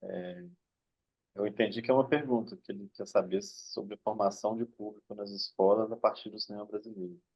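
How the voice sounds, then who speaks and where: A man's voice: on the low side, fairly even intonation, brisk, slightly rough, lo-fi sound. A man mediating an online discussion, speaking thoughtfully and hesitantly and often ending his sentences with tag questions.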